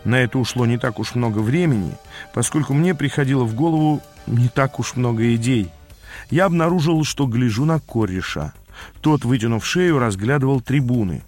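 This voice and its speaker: A man's voice: mid-range voice, expressive, moderate pace, a little mellow, faint music behind. A man narrating a fantasy novel in the first person, with a dry, wry telling. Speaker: audiobook narrator.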